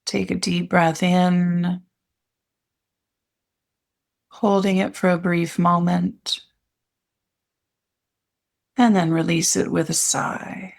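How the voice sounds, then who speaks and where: A woman leads a meditation in a lowish voice marked by clear vocal fry, offering gentle instructions as the instructor. Her soothing phrases come with pauses between them, and she delivers them flatly.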